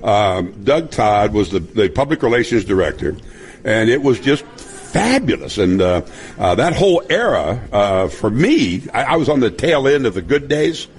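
A man's voice: fairly low pitch, sing-song, moderate pace. A man in his seventies from Nebraska, a broadcaster telling rambling stories and laughing often in a casual chat. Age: 70s. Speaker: guest broadcaster.

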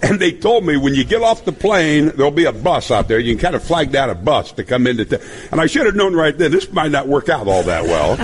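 A man in his seventies from Nebraska, chatting casually and spinning long stories with frequent laughs. His voice has a husky edge and moves around a lot in pitch. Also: very animated, a little fast, few pauses. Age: 70s. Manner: rambling storyteller, laughs often. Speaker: guest broadcaster. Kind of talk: casual chat.

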